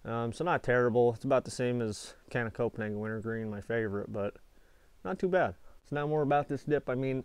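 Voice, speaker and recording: An American man in his twenties, a product reviewer and video channel host, chats in a casual, laid-back, plain-spoken way with a lip full of dip. His medium-pitched voice is brisk and clean, with no echo. He's in a small indoor space whose walls are foil-insulated.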